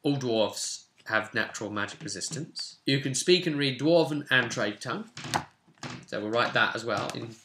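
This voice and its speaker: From his desk in a small room at home, a man in his twenties who runs a tabletop roleplay channel casually explains rules and reads parts aloud. His mid-range voice is animated and at normal speed, with background noise present.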